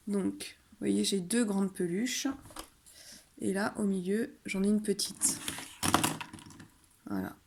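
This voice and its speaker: A woman teacher patiently explaining a phonics exercise to parents, saying example words loudly and slowly. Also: medium pitch, vocal fry. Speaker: kindergarten teacher. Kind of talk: home-schooling video lesson for parents.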